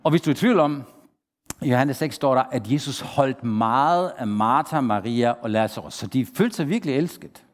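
A man with a medium-pitched voice preaches a lively sermon in a hall with long reverb. He asks the congregation questions and acts out the people he quotes.

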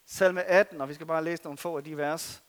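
A man preaching a sermon, earnest, swinging between loud stress and soft asides. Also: a little high, steady tone. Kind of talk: sermon with scripture reading.

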